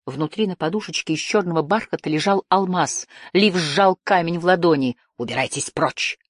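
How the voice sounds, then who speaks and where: A woman narrating a fantasy story in a measured, expressive storytelling manner. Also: fairly low pitch, no room sound, studio quality. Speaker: audiobook narrator.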